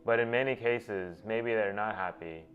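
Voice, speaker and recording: In a dull lo-fi recording with faint background music, a man with a fairly low voice speaks at a moderate pace. He is a host whose first language is Gujarati, reflecting aloud in a monologue and often restarting phrases as he thinks.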